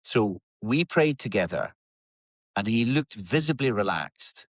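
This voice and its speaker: A man's voice: on the low side, very animated, a little slow, no echo, rough recording. A man co-hosting a casual Bible discussion, reading scripture aloud and telling a personal story in a reflective way.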